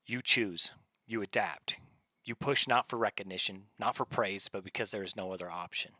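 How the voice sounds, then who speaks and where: Forceful, low-voiced man giving tough motivation. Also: moderate pace, dry recording. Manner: blunt, commanding, short punchy phrases. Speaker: motivational speaker. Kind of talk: scripted motivational speech in a stern military drill style.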